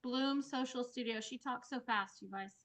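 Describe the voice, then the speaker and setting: High, bright-voiced woman hosting a webinar. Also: moderate pace. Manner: effusive, informal. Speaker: webinar host. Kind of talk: casual, chatty hosting.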